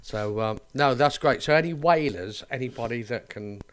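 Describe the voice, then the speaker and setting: A man's voice: medium pitch, normal speed, slight background noise. Male radio host, pronounces r as w, colloquial and matey in casual conversation. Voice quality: can't pronounce R, says w for r. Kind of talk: casual chatty radio interview.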